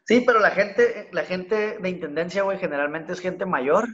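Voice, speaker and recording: A man's voice: sits high, normal speed, a bit bright, muffled recording. A man with a Mexican accent telling a story in a casual, rambling podcast chat, heavy on slang, over a remote call. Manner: slangy, rambling, packs "güey" into every sentence. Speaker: podcast guest. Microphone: remote call audio.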